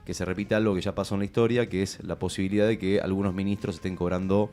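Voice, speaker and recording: A man's voice: low voice, flat delivery, rapid-fire, darkish tone, soft background music. A man with an Argentine accent, co-hosting a radio show and explaining news points. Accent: Argentine Spanish. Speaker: radio co-host. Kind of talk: casual news commentary.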